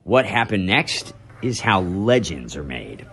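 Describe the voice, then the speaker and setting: An American male news correspondent delivers a scripted voice-over report, dramatic and measured, with deliberate pauses. His voice is deep and very animated, and the recording is very noisy.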